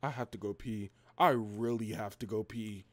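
A young man hosting a casual gaming video, excitable and quick to laugh, with loud outbursts. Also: fairly low pitch, no room sound.

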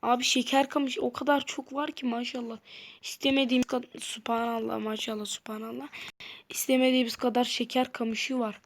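This gamer's let's-play is casual and rambling, with plenty of chatter aimed at her viewers. Her slightly high voice stays level and moves a bit fast. Clicks and noise from her home mic come through.

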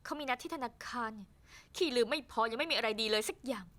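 An actress dubbing a clever, sharp-tongued young woman with brisk retorts for a TV drama. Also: on the high side, expressive.

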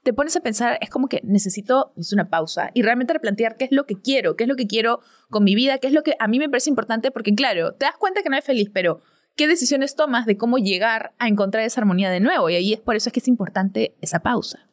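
Una joven de unos veinte años que conduce un pódcast y conversa de forma casual, contando historias con diálogos actuados. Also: female voice, on the high side, lively intonation, quick pace. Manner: chatty storyteller, acts out quoted dialogue. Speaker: podcast host.

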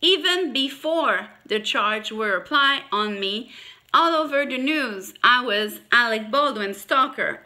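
A woman with a French accent, talking straight to her viewers with emphasis and many halting restarts, a little congested from allergies. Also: a little high, sharp tone. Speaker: YouTuber. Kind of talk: direct-to-camera monologue.

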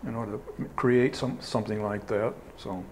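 Older man, flat low voice, easygoing rambling talk, lapel mic in a small studio. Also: moderate pace, slight background noise, rough recording. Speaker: fair department superintendent. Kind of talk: studio interview.

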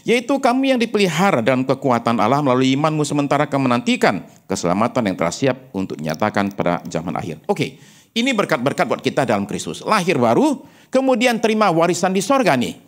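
A male pastor preaching a sermon with animated, humorous, personal storytelling, dropping English phrases into his speech. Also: mid-range voice, fast. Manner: animated preaching with frequent rhetorical asides.

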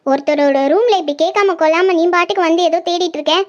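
A woman's voice: extremely high pitch, fast talker. A woman voicing a stern young woman in a cartoon who scolds a girl for entering her room without asking. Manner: scolding, demanding respect. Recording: slightly dull lo-fi audio.

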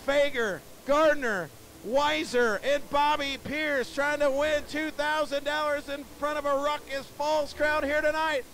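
A man calling a dirt track race live, excitable and breathless, often shouting as the action builds. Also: very high voice, measured pace, slight background noise. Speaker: race announcer.

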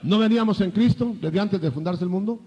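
An older man preaching a sermon, lively, acting out biblical dialogue in changing voices. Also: high voice, brisk, husky, big-room sound, highs cut off.

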